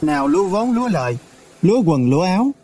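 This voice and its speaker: A man's voice: high-pitched, very animated, quick pace, dark tone, voice pushed up. A man voicing a detached son who speaks in a matter-of-fact, distant way. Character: cool detached son repaying a debt.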